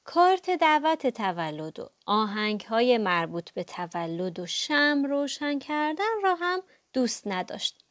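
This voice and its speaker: Animated woman reading to children. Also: on the high side, no room sound, studio quality. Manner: animated, playful storytelling with sound effects. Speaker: storyteller.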